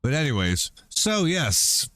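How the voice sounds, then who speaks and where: A man's voice: fairly high pitch, very animated, slow pace, bright, forceful tone, no room sound, clean studio sound. A middle-aged man chatting casually while streaming a game, rambling and swearing offhand. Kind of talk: casual chat while gaming.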